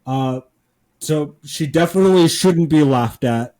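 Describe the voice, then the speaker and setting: Deadpan sarcastic man on a podcast. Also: a little high, measured pace. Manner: deadpan sarcastic, many filler words. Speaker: podcast co-host. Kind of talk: casual sarcastic podcast chat.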